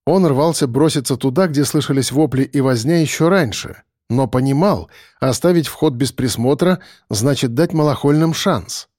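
A man narrating a dark audiobook in a dramatic, expressive way. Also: medium pitch, moderate pace, few pauses, dry recording, clean studio sound.

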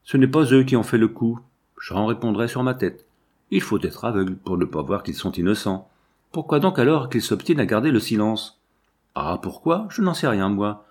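A man's voice: on the low side, animated, moderate pace, a little mellow, breathy edge. A man reading aloud and voicing a blunt, outspoken old farm servant woman who scolds. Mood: pleading. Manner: brusque, scolding.

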